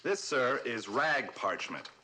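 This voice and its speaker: A man's voice: medium pitch, very animated, slow, bright, forceful tone, slight background noise, heavily acted. An actor playing a bumbling, deferential police sergeant in a 1970s TV crime drama, fumbling his words.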